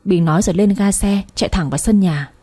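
A woman narrates a story in an even, descriptive reading. Her voice is dark and mellow with a husky grain. The delivery is steady and scripted. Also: medium pitch, fast.

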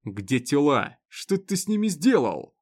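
Storybook sheriff, a man doing the voice: stern, commanding, loud edge. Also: a little high, sing-song, measured pace, breathy edge, voice pushed up, exaggerated voice. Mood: angry. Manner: commanding, growling. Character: stern, hot-tempered male small-town sheriff.

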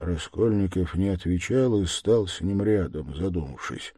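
A man narrates an audiobook in a measured way, sinking low and quiet on the reflective lines. His voice sits low but moves a lot in pitch. The recording is dry and close. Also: expressive, breathy edge, dry recording. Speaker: audiobook reader. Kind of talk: scripted narration.

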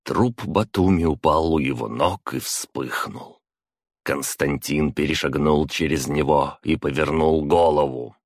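Deep male narrator, measured fantasy reading, close dry mic. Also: no echo. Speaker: audiobook narrator.

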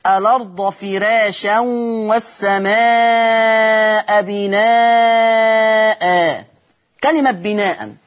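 A man with an Egyptian Arabic accent and a high-pitched, breathy-edged voice teaches the rules of Quran recitation in a TV lesson. He repeats key terms and answers his own questions.

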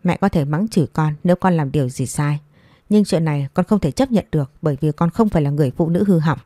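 A woman reading a story voices a patient young widowed daughter-in-law who pleads softly and respectfully. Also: sits low, fast talker, no echo, studio quality. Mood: pleading.

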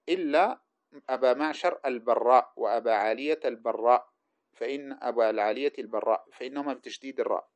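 A man teaches hadith sciences at a brisk clip, reading aloud from a classical book and pausing to spell out how each name is voweled. His voice is of middling pitch, and the recording sounds dull and lo-fi. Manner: spells out letters and vowels of names; reads passages aloud then explains them. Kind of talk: lecture commenting on a classical text.

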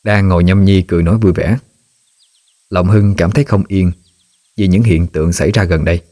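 A man narrating a ghost story in a steady, measured way. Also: low-pitched, no echo, studio quality.

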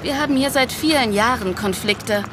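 In an interactive audio drama, a woman voices a friendly, concerned Nigerian nun working for peace, explaining things conversationally and a little hesitantly. Her voice sits on the high side at normal speed, close to everyday speech, with background noise behind it.

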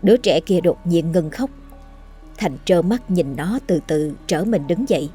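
A woman narrating a scripted horror story in a steady, measured way. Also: on the low side, slightly rough, faint music behind.

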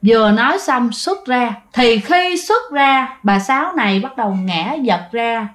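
A woman's voice: on the high side, expressive, measured pace. A young woman with a Southern Vietnamese accent narrating a ghost story in a chatty way, talking straight to her listeners with many fillers. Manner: chatty, addresses listeners directly, lots of fillers.

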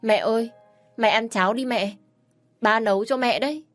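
Woman voicing a little boy, tearful, pleading, high-pitched, faint music behind. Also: normal speed, lightly acted.

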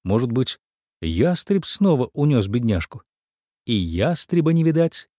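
A man narrating a children's storybook in an expressive, sing-song way. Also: medium pitch, unhurried, no room sound, studio quality. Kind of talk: storybook reading.

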